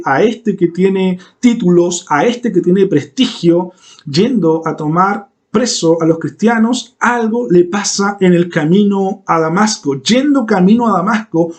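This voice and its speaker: A man's voice: sits high, darkish tone. A male pastor preaching a sermon in a church, emphatic and repeating key phrases for weight.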